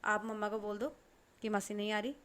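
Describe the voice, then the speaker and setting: A woman voicing an adult aunt, a stern but caring woman who scolds, then coaxes softly. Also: mid-range voice, level tone, a little fast, lightly acted. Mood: firm refusal. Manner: scolding, then soft and coaxing.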